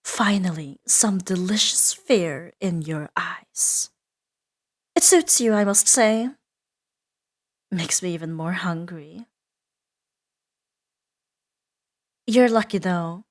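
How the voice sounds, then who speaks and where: Taking her time, a woman with a lowish, animated voice performs a playful, menacing, seductive demoness for a roleplay ASMR audio drama. She is teasing and commanding, and her delivery drifts into breathy whispers.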